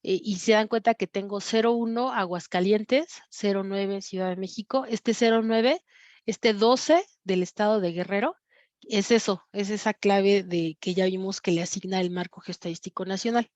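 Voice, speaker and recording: A woman with a Mexican Spanish accent teaching an online class, pausing often with fillers and correcting herself as she explains her screen. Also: mid-range voice, darkish tone, no room sound, highs cut off. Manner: many fillers and self-corrections. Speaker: course instructor. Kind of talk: screen-sharing lecture on crime data.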